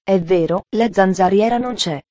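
Woman voicing an eager little girl, cheerful, earnest, mellow, dry. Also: medium pitch, normal speed, dry recording, dull audio, lightly acted.

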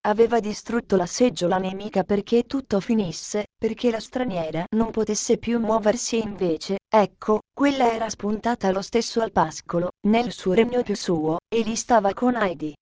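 A woman narrating a storybook with steady, measured reading. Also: medium pitch, no room sound.

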